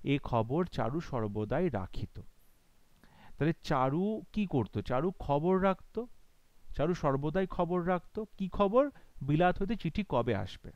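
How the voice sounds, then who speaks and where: A man teaching English translation in a slow lesson, dictating English phrases word by word between explanations. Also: on the high side, expressive, a little mellow, no room sound. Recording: dull lo-fi dry recording.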